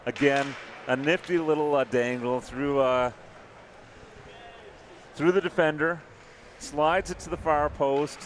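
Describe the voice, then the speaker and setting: A man's voice: fairly high pitch, takes it slowly, long pauses. Hockey color guy, chill and analytical, noisy background behind him. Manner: relaxed analytical, laughs easily. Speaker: color commentator.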